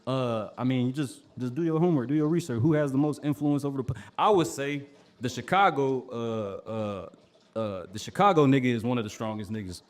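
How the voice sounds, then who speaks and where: A man talks quickly and confidently in a relaxed podcast chat. His pitch sits in an ordinary middle range, and he loops back over his own words to drive a point home. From born in Dallas, raised in Cincinnati. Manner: fast, confident, repeats himself when pushed. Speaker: podcast guest, artist. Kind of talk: casual podcast conversation.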